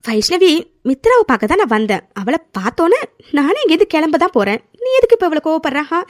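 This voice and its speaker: Patient young cartoon woman, calm, coaxing, high-pitched, dry close sound. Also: fast talker, no echo.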